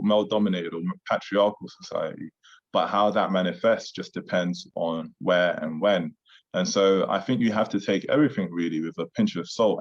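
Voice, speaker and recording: A man mentoring young men in a relaxed chat, reflective and conversational, with lots of "you know" asides. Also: deep voice. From United Kingdom. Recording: dull lo-fi sound.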